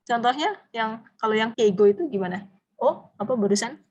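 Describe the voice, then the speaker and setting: A woman teaching a language class, explaining phrases and quizzing her students with drawn-out prompting questions. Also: fairly high pitch, animated, darkish tone, muffled recording. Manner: switches between explaining and drilling phrases. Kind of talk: interactive classroom lecture.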